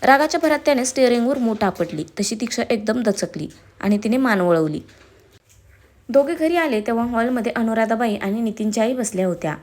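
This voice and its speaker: A woman with a Marathi accent reading a dramatic story aloud, expressive in her narration. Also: on the high side, brisk.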